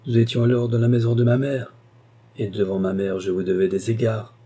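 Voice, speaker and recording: A man voicing an irascible older uncle who shouts and bullies in a storybook reading. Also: lowish voice, little pitch movement, fairly quick, husky. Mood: angry. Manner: shouting, bullying. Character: irascible elderly male uncle, blustering.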